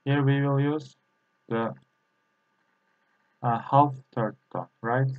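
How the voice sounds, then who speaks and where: A man teaching in a halting, repetitive way, practicing tones by drilling syllables one at a time. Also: mid-range voice, steady tone, dry recording. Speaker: Chinese language teacher. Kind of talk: slow pronunciation lesson, practicing tones by repeating syllables. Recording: dull lo-fi recording.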